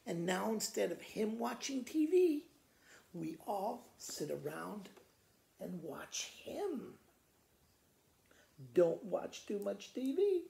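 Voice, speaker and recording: An older American man, a school principal, reads children's poems aloud to his pupils in a deliberate, expressive storytelling style, his high voice showing vocal fry. He's indoors in a living room by a fireplace, recorded by a camera a few feet away in an echoey room.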